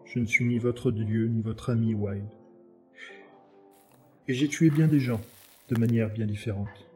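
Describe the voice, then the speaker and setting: A man's voice: on the low side, steady tone, a little slow, dark tone, soft background music, lightly acted. A man putting on a cold, sinister aristocrat. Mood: menacing. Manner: cold, cutting.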